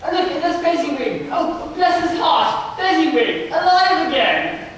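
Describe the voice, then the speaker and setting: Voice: extremely high pitch, lively intonation, measured pace, fairly bright tone, a little hiss or hum, heavily acted. An actor playing a wistful old man fondly recalling old friends, on a stage. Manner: wistful and fond. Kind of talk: stage play acting. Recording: echoey hall, far from mic.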